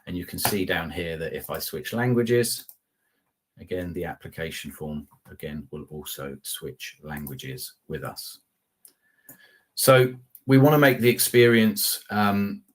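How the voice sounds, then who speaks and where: A customer success manager, a middle-aged man with a low, breathy-edged voice, hosts a live product webinar over a video call with slides and screen share. His webcam-recorded talk is conversational, full of polite asides, fillers and restarts.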